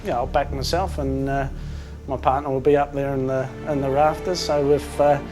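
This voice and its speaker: A man from England speaks in a relaxed interview, stopping often for ums and uhs as he gathers his thoughts. His voice sits at an ordinary pitch. Clear music plays behind him. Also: moderate pace. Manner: hesitant, many ums and uhs. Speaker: amateur boxer in a charity fight. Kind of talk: casual interview talk. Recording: music playing underneath.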